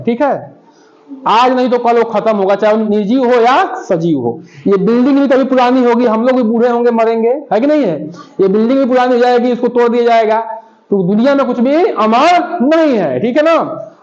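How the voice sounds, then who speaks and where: A man's voice: extremely high pitch, expressive, a little fast, a little mellow, lo-fi sound. A male school teacher giving a Hindi lesson in a classroom, patiently asking the class questions and repeating their answers.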